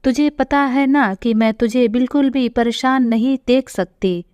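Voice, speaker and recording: Stern mother-in-law, read by a woman, slow and higher-pitched, sharp-tongued, dull lo-fi sound. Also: smooth, no echo, lightly acted. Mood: worried. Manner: sharp, taunting, then doting to her daughter. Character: stern scolding middle-aged mother-in-law. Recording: dull lo-fi recording.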